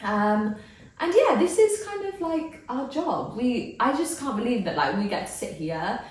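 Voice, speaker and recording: A woman's voice: on the high side, sing-song, measured pace. A chatty, giggly woman hosting a casual podcast. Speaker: podcast host, bridal stylist. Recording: echoey room, distant from mic.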